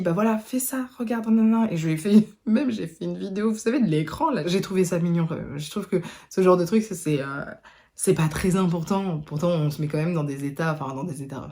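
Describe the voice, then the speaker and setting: A woman beauty vlogger, hoarse from a sore throat, chatting casually to camera at home with lots of hesitations. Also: fairly low pitch, warm tone. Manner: chatty, rambling, many hesitations. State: hoarse from laryngitis. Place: at home indoors.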